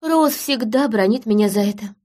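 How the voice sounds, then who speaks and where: A woman reading an audiobook, voicing an eager, talkative young housemaid in a higher voice. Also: animated, normal speed, darkish tone. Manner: chattering, eager and higher pitched.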